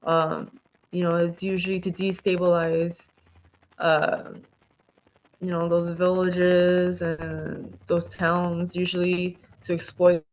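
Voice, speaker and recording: A woman's voice: on the low side, little pitch movement, slow. A woman guest heard over a call line, answering in a rambling way full of fillers and self-corrections. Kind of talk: casual interview answers. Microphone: video call. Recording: dull lo-fi call audio.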